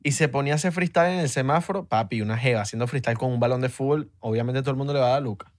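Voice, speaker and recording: A man's voice: medium pitch, very fast. A man with a Venezuelan Spanish accent, co-hosting a podcast and telling stories in easygoing, slangy casual chat. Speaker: podcast co-host.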